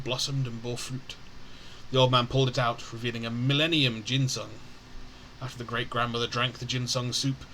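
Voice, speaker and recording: Male streamer, mid pitch, bright voice, lore reading with slips and self-corrections. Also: slight background noise, rough recording. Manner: stumbles and corrects himself, self-mocking. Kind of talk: reading game lore aloud.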